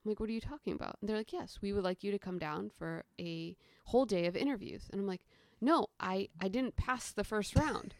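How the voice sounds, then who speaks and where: A woman's voice: medium pitch, a little fast, no room sound, clean studio sound. A young adult woman, a podcast guest, telling her stories casually and animatedly, acting out the dialogue with lots of "like.". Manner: animated, acts out quoted dialogue, frequent "like". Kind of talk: casual storytelling interview.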